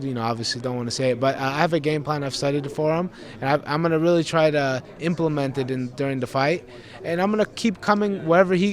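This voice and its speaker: An earnest young man from Greece answers pre-fight questions as an MMA fighter. His voice sits a little high for a man, and he rambles, restarting phrases and repeating words.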